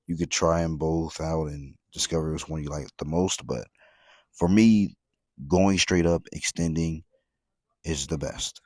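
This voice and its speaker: A man's voice: extremely low pitch, steady tone, unhurried, a little mellow, dry recording. A man giving casual workout commentary as a voice-over, in a laid-back, slangy gym-bro manner. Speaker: fitness vlogger.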